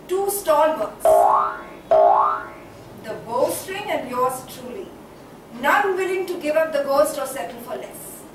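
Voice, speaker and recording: This theatrical monologue and poetic recitation features a woman performing a dramatic, whimsical poetess who muses aloud about art, her high-pitched voice declamatory with emphatic repetitions and lingering phrases. The sound is distant and heavily echoed, as in a large hall, with faint background noise.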